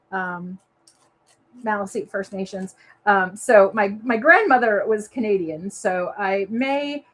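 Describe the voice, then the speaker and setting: A woman from Maine with a Maine accent, hosting a live papercraft demo and chatting to viewers as she works. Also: on the high side. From Maine, USA. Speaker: papercraft show host. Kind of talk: live crafting demo chat.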